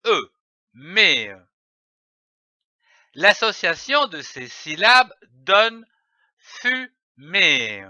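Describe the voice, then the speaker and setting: Slow, bright-voiced man teaching phonics. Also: high-pitched, dry recording. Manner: spells out letters and syllables slowly and deliberately. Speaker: reading teacher. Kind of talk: slow, carefully articulated phonics lesson. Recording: dry, dull lo-fi voice-over.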